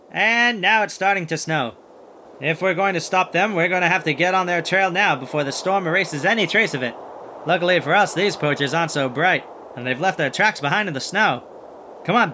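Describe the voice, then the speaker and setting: A man's voice: high voice, noisy background. A man playing a plucky, kindhearted, wisecracking monster hunter who narrates and acts in a children's audio adventure with folksy exclamations. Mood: determined. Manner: folksy exclamations, animated chatter to sidekick.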